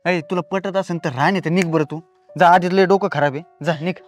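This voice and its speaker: An actor playing an irritable, two-timing husband who answers defensively and snaps back. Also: male voice, sits high, steady tone, fairly quick, soft background music, close to an everyday voice. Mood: snapping. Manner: defensive, snapping, short-tempered. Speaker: cheating husband. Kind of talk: comedy film acting.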